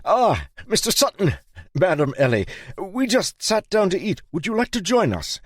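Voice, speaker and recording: A fawning middle-aged merchant yelps his lines in a shrill, excitable voice that climbs far above a normal man's register. He stammers and gushes, loud and flustered, in a dry storybook reading. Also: normal speed, slightly rough, no room sound, exaggerated voice. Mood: eager.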